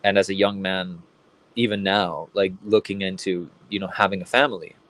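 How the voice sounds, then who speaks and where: A man's voice: low-pitched, fairly even intonation, normal speed, a bit bright. A young man from Venezuela, an artist talking about his work in a casual interview, rambling with many restarts and fillers. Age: young adult. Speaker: artist guest.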